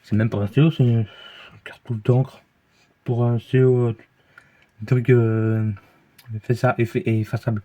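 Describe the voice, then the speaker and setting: A man's voice: medium pitch, level tone, unhurried, long pauses, highs cut off. A man with a Belgian French accent reviewing beers in a casual, rambling way, full of fillers, false starts and hesitations, recorded in a room at home.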